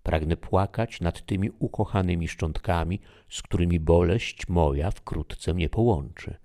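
A man's voice: low voice, a little slow, mellow. A man voicing a grieving noblewoman who mourns and reproaches the dead, in an audiobook. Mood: mournful. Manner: lamenting, accusing tone.

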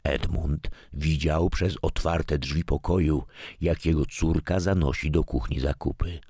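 A man with an extremely deep voice narrates a story in a calm, measured way. He reads slowly and deliberately. The sound is dry and close, with no room echo. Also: breathy edge. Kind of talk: scripted narration.

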